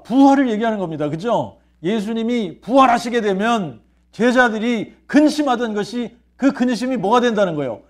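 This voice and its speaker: High-voiced Korean pastor preaching. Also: male voice. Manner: asks rhetorical questions and answers them; repeats key phrases for emphasis. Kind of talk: sermon. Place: church sanctuary.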